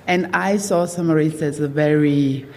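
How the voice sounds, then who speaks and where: A middle-aged Croatian woman speaks at normal speed in a deep, slightly mellow voice during a live panel on managing a destination brand. She hesitates, using lots of fillers and restarts. The recording captures the long reverb of a hotel hall with an audience present.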